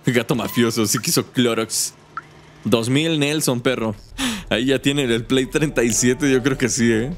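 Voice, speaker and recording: A man's voice: mid-range voice, moderate pace. A young man giving casual, joking gameplay commentary full of slang. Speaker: gaming youtuber.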